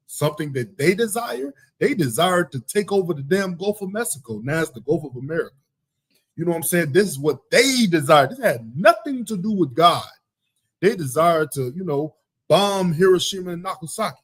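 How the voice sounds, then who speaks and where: A podcast host on a live talk show gives heated, preachy religious commentary, emphatically repeating "you know what I'm saying." His voice is a little high and slightly rough, with no echo.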